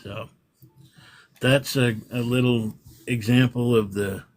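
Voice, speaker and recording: A man's voice: medium pitch, fairly even intonation, takes it slowly. A man being interviewed about his livestream room, explaining things at length in a casual, rambling way. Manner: rambling explanations, frequent restarts. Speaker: livestream room owner, guest.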